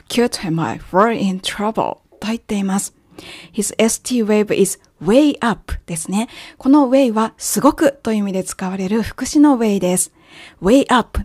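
Woman, native Japanese, English teacher, clear patient explainer, dry close mic. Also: mid-range voice, darkish tone, no room sound. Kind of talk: language lesson narration.

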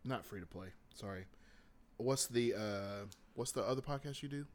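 A man chats as a podcast co-host. His pitch is average for a man. He is agreeable and keeps his casual remarks short. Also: normal speed.

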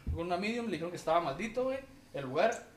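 A man with a Mexican Spanish accent hosting a casual podcast, telling a story in an animated way and peppering it with slang fillers. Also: sits high, very fast, far from the mic, a loud crowd. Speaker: podcast host. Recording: echoey room, off-mic.

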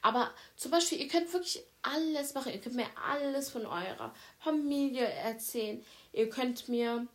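A woman's voice: high-pitched, normal speed. Chatty young woman hosting a podcast. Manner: chatty, addresses listeners as "Leute", trails off and restarts. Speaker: podcast host. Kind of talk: casual chat.

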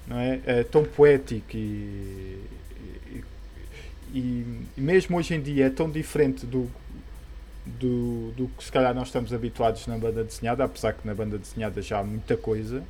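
A man's voice: medium pitch, moderate pace, warm tone. A man with a European Portuguese accent chatting casually about comic books in a hesitant, rambling, colloquial way. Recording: background music under the voice.

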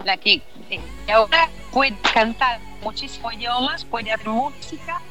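Animated and sharp-toned, this woman's higher voice runs at normal speed. She is a singer from Italy with an Italian accent, giving a radio interview in which she hesitates and hunts for words, with faint music behind her.

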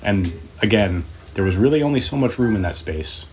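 Guy with a slightly low voice casually describing something he went through, kind of musing. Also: lively intonation, brisk, a crowd in the background. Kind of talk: casual personal storytelling.

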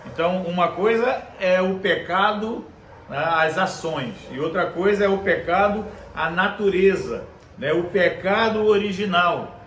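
A male preacher delivering a conversational sermon, reading scripture aloud slowly and checking in with his listeners. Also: high voice, fairly bright tone, slight background noise. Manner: conversational, constant tag questions. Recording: echoey room with faint ambience.

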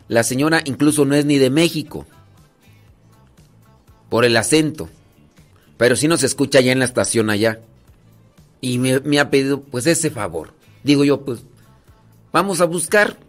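Mexican man, rural central Mexican accent, priest on radio, rambling and joking, fairly high voice, faint music behind. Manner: rambling, joking, many fillers. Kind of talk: casual radio talk, storytelling. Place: retreat house.

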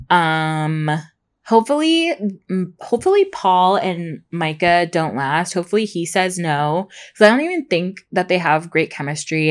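A woman podcast host giving a casual, rambling, chatty recap in informal speech, with soft R's that come out close to W. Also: on the low side. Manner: rambling, gushing informal talk with frequent "like" and "super".

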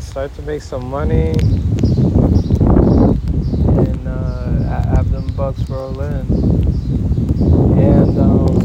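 A man hosting a casual solo podcast outdoors in a backyard, rambling in a folksy way and pausing mid-thought. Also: medium pitch, dull audio. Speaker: podcast host. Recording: noisy outdoor backyard, wind and ambience.

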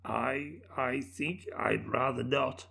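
A man voicing a fearful, humbled old miser with a low, faltering voice. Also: steady tone, slow pace, gravelly, sharp tone, slightly rough, heavily acted.

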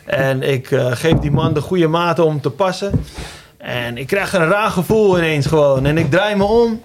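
Brief: man, menswear shop owner, animated storyteller, slightly high voice, faint hiss behind. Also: moderate pace. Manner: lively anecdote telling with many fillers. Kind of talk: casual storytelling chat.

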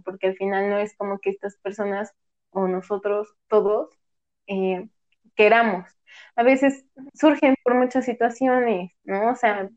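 A woman's voice: medium pitch, a little mellow. A woman chatting casually, often tagging her sentences with "¿sabes?". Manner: chatty, peppers speech with "¿sabes?". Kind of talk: casual chat. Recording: slightly dull lo-fi audio.

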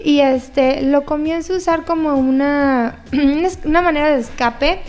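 Guest painter, woman, high voice, chatty and upbeat. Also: normal speed, darkish tone. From born in the US, raised in Mexico. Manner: chatty and enthusiastic, laughs often. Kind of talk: casual interview.

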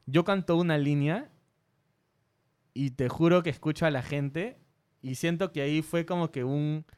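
A man's voice: on the high side, unhurried, a little mellow, smooth. A man from Peru, a content creator, telling a story in a casual interview, earnest and a little self-conscious, often restarting his sentences.

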